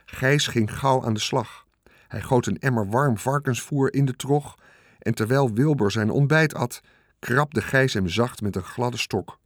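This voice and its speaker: Brief: a calm male storybook reader, middle pitch, dry close sound. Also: a little slow, no room sound. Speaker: narrator. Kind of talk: storybook read-aloud.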